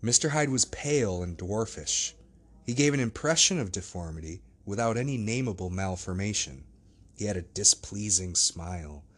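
Low-voiced man narrating an audiobook. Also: lively intonation, moderate pace, husky. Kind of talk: audiobook narration of a classic novel.

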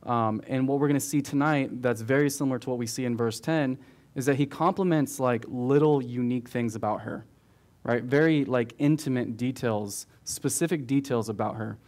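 A man, a pastor, reading scripture and explaining it in a relaxed, conversational way, often asking "right?". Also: mid-range voice, normal speed. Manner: conversational, with fillers and frequent "right?". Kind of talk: verse-by-verse Bible teaching.

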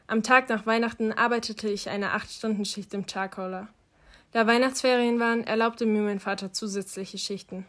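Quiet, reflective woman narrating an audiobook. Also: medium pitch.

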